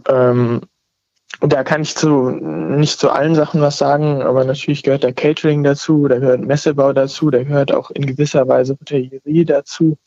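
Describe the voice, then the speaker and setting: A man's voice: medium pitch, flat delivery, normal speed, mellow, no echo. A man in his twenties comes through over the phone line, muffled and lo-fi. He talks casually but hesitantly, stopping often to look for the right word. The sound is dry and close, with no room around it. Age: 20s. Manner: hesitant, searching for words with many fillers. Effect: heard over the phone. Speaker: caller. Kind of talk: casual call-in chat.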